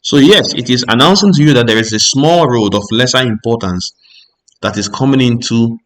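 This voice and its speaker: A man with a mid-range voice teaches driving theory. Each rule is read aloud and then calmly explained, and he frequently pauses to ask "Ok?" to check understanding.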